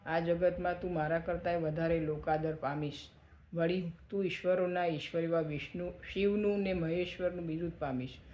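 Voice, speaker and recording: Male narrator doing a stern creator god, solemn and declaiming, higher-pitched voice in an echoey room. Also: steady tone, normal speed, a little mellow, natural voice. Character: mighty male creator god, commanding, quick to anger.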